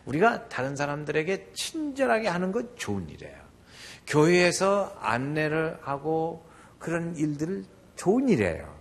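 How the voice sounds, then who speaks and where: An older man preaching a sermon, his voice gravelly and husky. He swings his pitch widely and slips into the voices of the people in his stories as he preaches. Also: moderate pace. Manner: animated, acts out quoted voices. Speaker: pastor.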